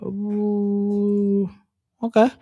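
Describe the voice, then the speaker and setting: A man's voice: sits high, monotone, drawn-out words, mellow, highs cut off. A man teaching a programming class over a screen share, talking it through unhurriedly and thinking aloud with frequent fillers. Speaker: programming instructor. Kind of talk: casual screen-share coding lesson.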